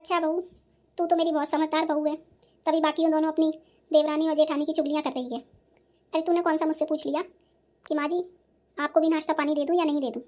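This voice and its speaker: Lady doing a naggy old cartoon saas, sarcastic, pretty high voice. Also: level tone, a little fast, pauses often, darkish tone, natural voice. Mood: scolding. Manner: scolding, sarcastic. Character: nagging, self-pitying old mother-in-law. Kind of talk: cartoon voice acting.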